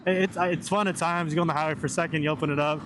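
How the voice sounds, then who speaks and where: A man's voice: fairly high pitch, racing, music in the background. A young man chatting casually and informally inside a helmet while riding a motorcycle, meandering from thought to thought and swearing mildly. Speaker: motorcycle vlogger. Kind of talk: casual rambling motovlog chat. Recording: steady engine and road noise.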